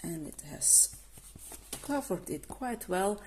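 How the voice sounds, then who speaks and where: A woman's voice: medium pitch, very animated, slow pace, darkish tone, slight background noise. A woman who is not a native English speaker, casually reviewing art markers and stopping often to restart her sentences. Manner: hesitant, many restarts and fillers. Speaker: coloring channel host.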